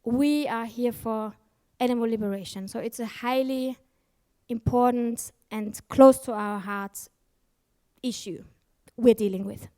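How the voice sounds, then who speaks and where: A woman's voice: on the high side, fairly even intonation, a little slow, a little mellow. A woman giving a conference talk, candid and emphatic, swearing freely and often correcting herself mid-sentence. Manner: frequent self-corrections and fillers. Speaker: conference speaker. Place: conference stage.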